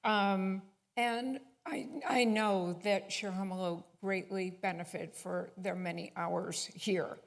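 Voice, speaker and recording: A woman giving a tribute speech at a synagogue service while presenting an award, halting with frequent fillers. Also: mid-range voice, steady tone, vocal fry.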